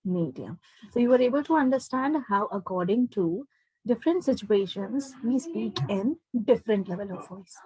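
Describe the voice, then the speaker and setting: In an online live class, a woman with an Indian accent teaches an interactive spoken English lesson, giving instructions and often checking understanding with short questions. Her voice is fairly high, expressive and dark in tone, at a normal speed, though the audio quality is poor.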